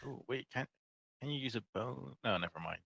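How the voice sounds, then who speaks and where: Gravelly, bright-edged man playing a tabletop game. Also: mid-range voice, lively intonation, brisk, no echo. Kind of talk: casual game chat.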